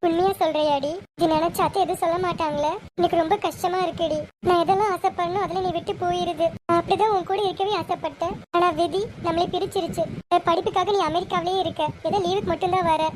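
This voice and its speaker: A woman's voice: extremely high pitch, brisk, a little mellow, slight background noise. A woman doing a crying, pleading young bride-to-be. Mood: weepy. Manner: sobbing, pleading. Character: tearful, anxious young bride-to-be. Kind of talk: amateur serial drama.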